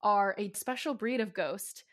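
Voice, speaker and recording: A woman's voice: medium pitch, a little slow. A woman in her twenties co-hosting a casual book-club podcast, explaining points in a chatty way with jokey asides. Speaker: podcast co-host.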